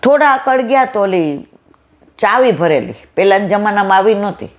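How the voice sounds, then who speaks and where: A woman's voice: mid-range voice, lively intonation, moderate pace. A woman giving a devotional satsang talk, acting out family dialogue in a folksy storytelling style. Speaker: satsang speaker.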